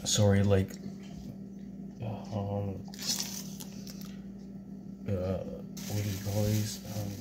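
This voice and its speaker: A man in his thirties talks slowly and unhurriedly as he cooks, swearing and muttering half to himself. He was recorded by a phone propped on the counter in a small home kitchen, with loud, steady noise running underneath. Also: lowish voice. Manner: profane, muttering to himself while cooking. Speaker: home cook vlogger. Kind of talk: casual cooking vlog. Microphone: phone camera propped on the counter.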